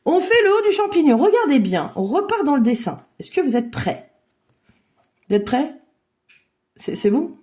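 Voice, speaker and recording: A woman leading an online drawing workshop for children, guiding them with lively, encouraging make-believe storytelling over a video call. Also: high-pitched, moderate pace, pauses often. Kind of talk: playful storytelling drawing lesson for kids.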